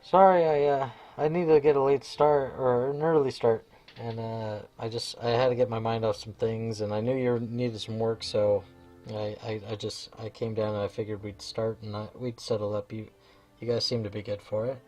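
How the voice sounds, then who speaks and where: A man voicing a weary woman starship mechanic who talks in halting, distracted bursts. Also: medium pitch, flat delivery, warm tone, soft background music, natural voice.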